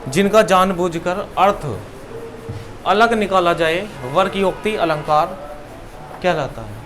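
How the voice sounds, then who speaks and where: A man's voice: high-pitched, measured pace, over music, low-quality recording. A man teaching a Hindi grammar lesson for exam preparation, explaining step by step and quizzing the listener with questions. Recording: faint background noise.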